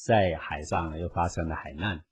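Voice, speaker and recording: A man's voice: deep voice, moderate pace, slightly rough. A man giving an emphatic, preachy Buddhist radio lecture and acting out quotes along the way. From Taiwan.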